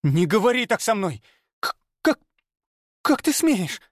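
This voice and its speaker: A man voicing a shrill spoiled young noble girl. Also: expressive, slow, no room sound, clean studio sound, exaggerated voice. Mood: hysterical. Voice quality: shrill, shrieking.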